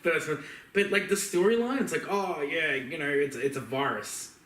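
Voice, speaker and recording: Talking films on a podcast he co-hosts, this man is casual, rambling, emphatic, and fond of swearing. His slightly high, somewhat bright voice moves at normal speed, picked up from far away amid room echo.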